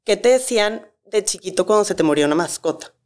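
A woman, a guest expert calmly explaining grief with examples in a talk-show conversation. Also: medium pitch, fast.

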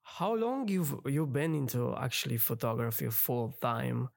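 A man hosts a podcast in casual, eager talk. His voice sits in a middle pitch. His phrasing shows he is not a native speaker. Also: a little slow, gravelly. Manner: non-native phrasing, enthusiastic. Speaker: podcast host. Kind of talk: casual interview chat.

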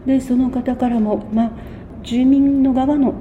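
A woman in her sixties answering interview questions in a measured, thoughtful way, often pausing mid-phrase. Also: sits high, fairly even intonation, phone-quality sound, a little hiss or hum. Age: 60s. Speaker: guest.

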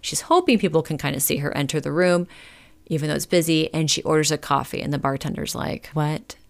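Low-voiced woman telling a story casually. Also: lively intonation, quick pace, creaky. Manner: chatty, lots of "like" fillers, occasional swearing. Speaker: podcast storyteller.

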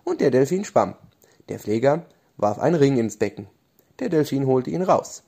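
Male bedtime storyteller, mellow tone, lively sing-song pitch. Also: moderate pace, creaky.

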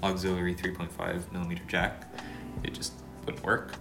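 A man's voice: low-pitched, completely flat delivery, moderate pace, gravelly, over music. A man co-hosting a casual podcast chat, with a nasal voice, stuffy from allergies, rambling with many fillers and restarts. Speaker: podcast co-host. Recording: echoey room.

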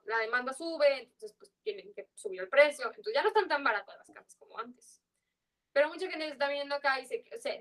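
Her voice is high-pitched with a fairly bright tone. This Yucatán native in her twenties has a pronounced Yucatán Mexican Spanish accent and chats loosely on a podcast as a guest, wandering through her points with slang and filler words.

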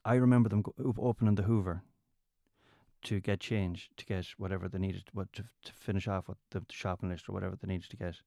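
A low-pitched, creaky, warm voice, delivered flatly in a dry studio recording, belongs to this comedian from County Mayo. Speaking in a west of Ireland accent as an interview guest, he tells casual stories and keeps restarting phrases and repeating words.

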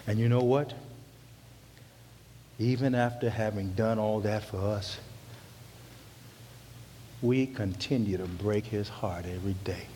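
A male pastor preaching a sermon, telling a story with passion and swinging from loud cries to hushed words. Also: on the low side, a little slow, long pauses, long reverb tail, a little hiss or hum.

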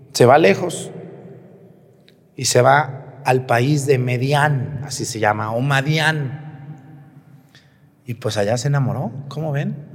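A priest preaching a homily, telling the story and asking the congregation questions with a joking touch. His voice has a middle pitch for a man. A long church reverb hangs on every phrase. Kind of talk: homily at Mass.

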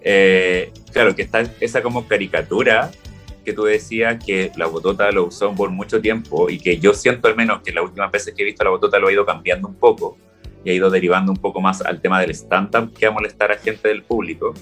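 A man's voice: sits low, a little fast, faint music behind. A young Chilean man chatting casually, telling stories and acting out what people said. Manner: relaxed storytelling, acts out quoted lines. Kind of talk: casual chat.

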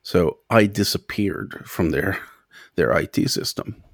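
A man's voice: low-pitched, expressive, takes it slowly, vocal fry, no echo, studio quality. A young man casually telling a personal story as a guest, rambling and hesitant with many fillers.

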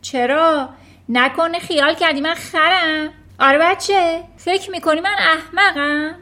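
A booming, blustering headmistress bellows insults at a pupil, as a woman storyteller puts her on. The voice is pushed high and very loud, and it stays harsh and scornful. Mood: furious. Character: bullying, furious giant female headmistress.

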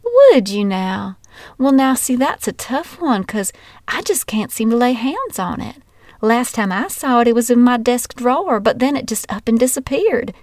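A spiteful schoolteacher, put on by a woman reading her own story, speaks in a slow, mocking drawl. The sound is dry and close, with no room around it. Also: a little high, sing-song, a little mellow, no echo, pitched above the performer's own voice. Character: cruel, spiteful female schoolteacher.

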